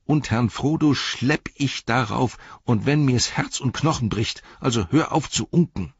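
A man's voice: low voice, very animated, normal speed, vocal fry, husky, no room sound, lo-fi sound, exaggerated voice. A man doing a weary, stubborn hobbit. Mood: defiant. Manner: defiant, dogged.

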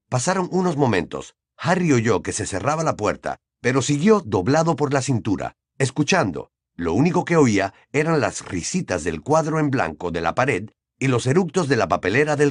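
A man reading a novel aloud as an audiobook narrator, in measured storytelling. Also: mid-range voice, dry recording, studio quality. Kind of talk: scripted narration.

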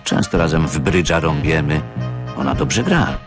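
A man's voice: a bass voice, expressive, moderate pace, music in the background. An actor reading a folksy, boastful middle-aged male party official in a radio story.

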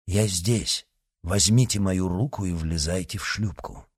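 A man voicing a dignified older nobleman who speaks softly and earnestly. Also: sits low, a little slow, slightly rough. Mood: calm. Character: noble older count, gentle and merciful.

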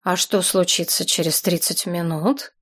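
A woman voicing a calm, polite middle-aged man who speaks in an unruffled, soothing way. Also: mid-range voice, a little slow.

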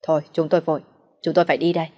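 A woman reading the lines of an angry, quick-tempered elderly village man in an audio story. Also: deep voice, little pitch movement, dull audio.

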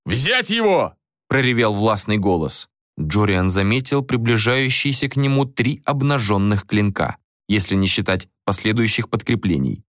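A man narrating a fantasy novel as an audiobook, reading in an animated, expressive way. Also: lowish voice, moderate pace, dry recording, studio quality.

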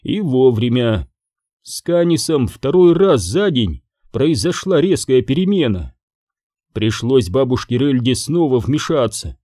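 Expressive male storybook narrator. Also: medium pitch, measured pace, dry recording, studio quality. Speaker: audiobook reader.

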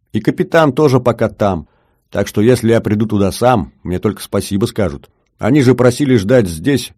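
A man voicing an excitable, hearty bald ship's mate in an audiobook, speaking in an animated, exclamatory way. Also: fairly low pitch, no echo, studio quality.

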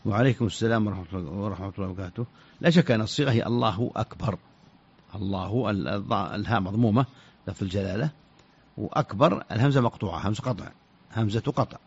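Gravelly-voiced man answering religious questions. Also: mid-range voice, muffled recording. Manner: halting, repeats words while searching for them. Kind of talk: radio fatwa answers.

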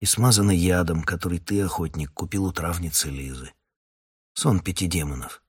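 A man's voice: sits low, normal speed, breathy edge. A man doing a cold menacing police captain. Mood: curt threatening. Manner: curt, threatening.

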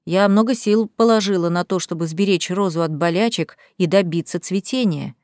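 A woman in her sixties reading a first-person audiobook in a calm, measured storytelling manner. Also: lowish voice, dry recording, studio quality. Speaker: audiobook narrator.

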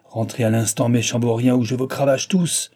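Man shouting as a furious, thunderous gentleman. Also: medium pitch, moderate pace, husky, close to an everyday voice. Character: angry middle-aged gentleman, the children's father.

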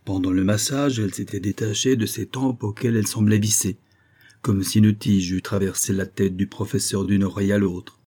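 A man narrating an audiobook in a measured, expressive reading. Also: on the low side, husky.

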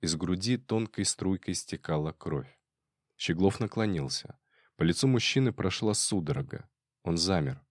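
A man narrating a crime story in a measured, dramatic reading. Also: deep voice, animated, no room sound, studio quality. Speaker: audiobook narrator.

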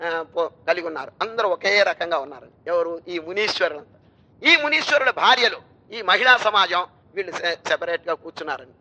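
A man's voice: sits high, sharp tone, rough recording. A male swami giving a storytelling sermon, asking rhetorical questions and chanting verses. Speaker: swami giving religious discourse.

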